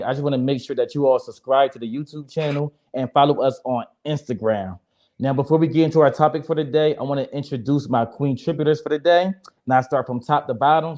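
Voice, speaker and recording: A man's voice: mid-range voice, a little mellow. A young man moderating a casual panel chat in a joking, blunt and profane way. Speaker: moderator of a discussion show.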